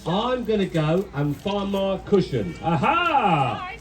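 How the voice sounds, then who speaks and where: A man with an English accent voicing an excitable, teasing clown puppet in an interactive children's show, exclaiming in pantomime style. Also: high voice, takes it slowly, full character voice. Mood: playful. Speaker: Punch and Judy puppeteer. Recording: noisy outdoor recording with loud crowd.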